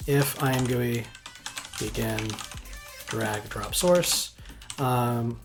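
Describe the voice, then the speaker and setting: A man explains his engine code as he writes it, thinking aloud and stopping often to restart a sentence. His voice sits at an ordinary middle pitch. Faint music plays quietly behind him. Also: takes it slowly. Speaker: game engine programmer. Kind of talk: live coding walkthrough.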